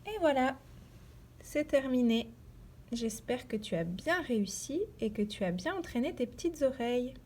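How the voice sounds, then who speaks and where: A woman teaching young children, speaking patiently and repeating each word slowly and distinctly. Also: high voice, animated, darkish tone. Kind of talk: slow, deliberate lesson for young children.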